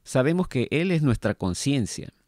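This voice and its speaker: A vain, jovial painter spirit, as a man reads him aloud, breezy and teasing in his replies. His voice sits at an ordinary middle pitch but rides a little higher here, and the recording is close and dry with no room sound. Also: sing-song, moderate pace, darkish tone, dry recording, close to an everyday voice. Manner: teasing and breezy, with a playful lift. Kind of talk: read-aloud book dialogue.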